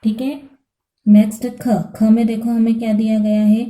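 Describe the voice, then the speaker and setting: A woman's voice: a little high, little pitch movement, moderate pace, dark tone, reverberant. A woman teacher giving a patient Sanskrit lesson to students, explaining step by step and often checking that they follow.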